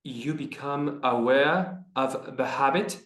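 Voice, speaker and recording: Slow, careful man in an echoey room. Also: medium pitch, fairly bright tone. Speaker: pronunciation student. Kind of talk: repeating phrases in a lesson.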